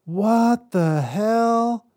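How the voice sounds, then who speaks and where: A man voicing a blunt, incredulous young woman with a high, raised voice. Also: very slow, mellow.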